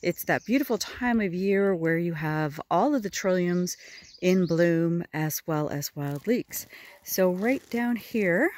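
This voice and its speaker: A middle-aged woman with a fairly low voice narrates a casual how-to foraging walk through her land in a spring woodland by a river. She explains gently, admiringly and without hurry, recorded on a phone camera held at arm's length with birds in the background.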